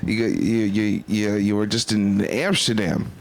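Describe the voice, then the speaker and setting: A man with a low voice co-hosting a comedy podcast. He teases the others with dry jokes and keeps pulling the chat back on track. Faint hiss sits behind him. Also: a little slow, gravelly. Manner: teasing, steers the talk, deadpan jokes. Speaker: podcast co-host. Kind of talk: casual comedy podcast banter.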